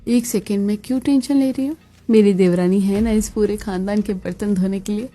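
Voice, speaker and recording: A woman's voice: mid-range voice, steady tone, fairly quick, mellow, close to an everyday voice. A woman voicing a lazy, mocking elder sister-in-law in a cartoon, with a smug, teasing tone.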